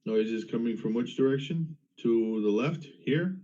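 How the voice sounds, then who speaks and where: A man's voice: medium pitch, moderate pace, warm tone. A man talking casually as a player in a tabletop game. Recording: slightly dull, lo-fi voice audio.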